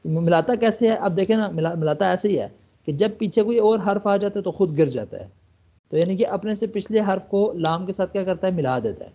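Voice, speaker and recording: A high-pitched man from Pakistan teaches an online Arabic class, his tone mellow and soft-edged. He walks through each point patiently and reads lines aloud slowly. The sound is muffled, like a dull call line. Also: lively intonation. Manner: explains step by step, reads English lines aloud slowly, keeps checking with "okay?". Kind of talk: online language lesson.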